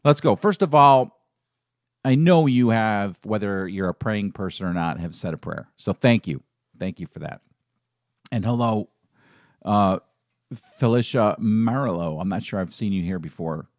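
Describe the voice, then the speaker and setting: A middle-aged man hosts a casual live stream in a fairly low voice. He talks in an emotional, rambling way and often restarts his sentences. The sound is dry and close, with no room echo. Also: lively intonation, moderate pace, darkish tone. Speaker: fan channel host.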